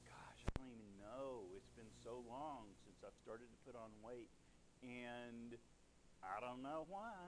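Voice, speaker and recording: Male lecturer, middle pitch, lively and rambling in a classroom, faint background hiss. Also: low-quality recording. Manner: animated, rambling, self-mocking tangents. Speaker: biology teacher. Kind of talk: classroom lecture with chatty asides.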